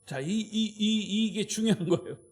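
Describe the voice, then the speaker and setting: A male pastor delivering an evening service sermon in a notably high voice. He preaches with emphasis and keeps turning to the congregation with short prompts to draw them in. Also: moderate pace, soft background music. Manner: emphatic, checks in with listeners with "예?".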